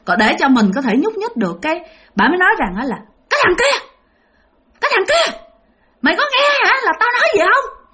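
A woman's voice: high-pitched, a bit bright. A woman narrating a ghost story in a conversational way, talking straight to her listeners. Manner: conversational, addresses listeners directly.

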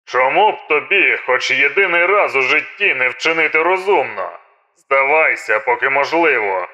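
A man's voice: mid-range voice, lively intonation, normal speed, sharp tone. A man voicing a stern male police commander barking orders through a megaphone, in an audiobook narration. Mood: commanding. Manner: barked commands. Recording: dull megaphone sound.

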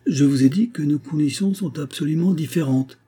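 A man's voice: a little high, brisk, dark tone, husky, pitched above the performer's own voice. A man voicing a cold, solemn spirit of the dead. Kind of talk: audiobook character voice.

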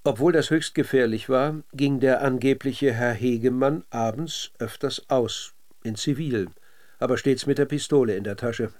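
With a touch of mellowness in his mid-range voice, a male narrator with a standard German accent reads a documentary drama script for radio. He keeps it calm, measured, and factual throughout.

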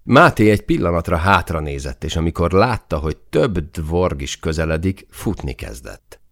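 A man reading a first-person audiobook in a tense manner, rising to shouts in the dialogue. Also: low-pitched, big pitch swings, no echo, clean studio sound. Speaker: audiobook narrator.

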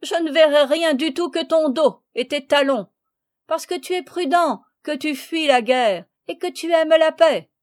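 A woman reading the part of a lively young girl who mocks and laughs at a boy. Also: high-pitched, normal speed, lightly acted. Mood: teasing. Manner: mocking, laughing.

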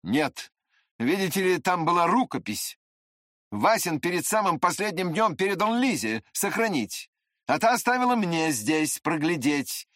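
A reader voicing a feverish, muddled nobleman in an audiobook, speaking in halting, rambling phrases. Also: high voice, very animated, fairly bright tone, dry recording, clean studio sound, full character voice.

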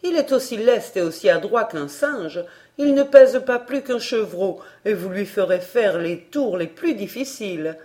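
A scheming old beggar woman who pretends to be simple, wheedling and scornful as she bargains, as a woman reading a storybook puts her on. Her voice rises a little higher and louder, and it swings widely in pitch. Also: lively intonation, measured pace, lightly acted.

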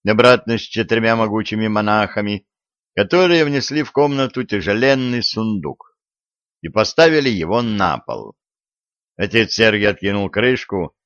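A man narrating an audiobook in a steady, even storytelling manner. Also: fairly low pitch, dry recording. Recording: dry, dull lo-fi audio.

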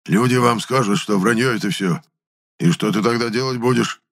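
A man voicing a burly, angry peasant with a hoarse, growling voice. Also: fairly low pitch, moderate pace, a bit bright, voice pushed up. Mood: hostile, hoarse.

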